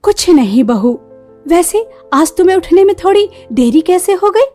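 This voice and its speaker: A woman's voice: very high voice, sing-song, moderate pace, dark tone, soft background music. A woman voicing a bossy, short-tempered older mother-in-law in a cartoon story, who talks in scolding, commanding tones. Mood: sweet.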